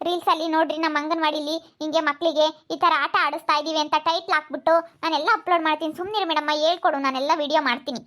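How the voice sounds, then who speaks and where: A woman playing a young helper who chatters quickly about filming videos on her phone. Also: sits high, steady tone, fairly bright tone. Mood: brisk.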